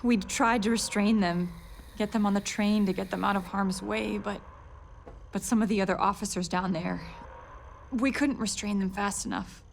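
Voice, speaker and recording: An actress playing a shaken female security officer in a game, halting and distressed. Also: mid-range voice, fairly even intonation, creaky, slight background noise, lightly acted. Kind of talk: game dialogue.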